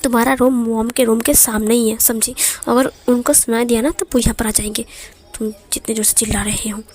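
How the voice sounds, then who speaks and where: A man's voice: very high voice, flat delivery, brisk. Woman doing a cocky, teasing young man. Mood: hushing. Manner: casual and teasing, firm when hushing. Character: teasing, self-assured young man, calm and bossy.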